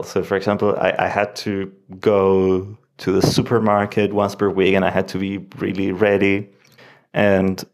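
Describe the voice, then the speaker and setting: Low, slow-talking Chilean man. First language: Spanish. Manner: hesitant, restarts phrases, thoughtful. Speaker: interview guest, lawyer. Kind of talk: casual interview answers.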